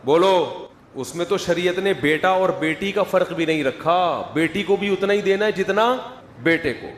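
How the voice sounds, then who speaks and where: A middle-aged man giving a lively sermon, asking the audience questions and acting out quoted voices. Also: high voice, slight background noise. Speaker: Islamic scholar giving a talk. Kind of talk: lively sermon with humorous asides. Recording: echoey hall with faint ambience.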